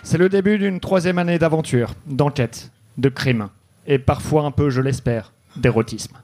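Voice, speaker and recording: Male comedy host, slightly high voice, deadpan noir narration, live stage recording with faint music behind. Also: moderate pace. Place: comedy club stage with audience.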